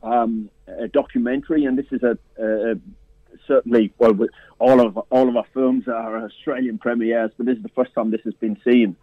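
A man's voice: mid-range voice, fairly even intonation, normal speed, husky, no room sound. A man who programs a film festival talks about films in a radio interview, stopping and restarting often with many fillers. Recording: tinny, dry phone line.

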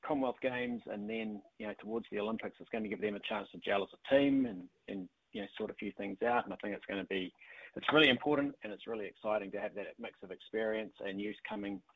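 A man's voice: lowish voice, steady tone, quick pace, phone-quality sound. A man giving enthusiastic, conversational analysis as a cycling commentator. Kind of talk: casual interview analysis.

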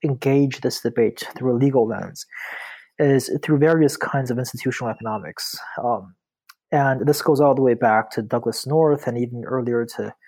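A man's voice: mid-range voice, moderate pace, a little mellow, husky. A man from China, a law professor, answering interview questions in a thoughtful way with many fillers and restarts. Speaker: guest author, law professor.

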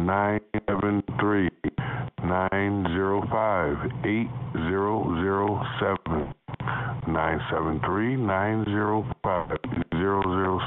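A man leaving a voicemail on a chat line over a tinny phone line, repeating his number again and again. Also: sits low. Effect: voicemail message played over a phone line.

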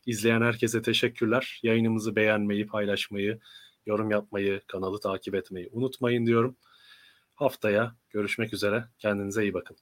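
Male host for a political interview stream, lowish voice, slightly strained from being unwell, conversational delivery. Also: flat delivery, moderate pace.

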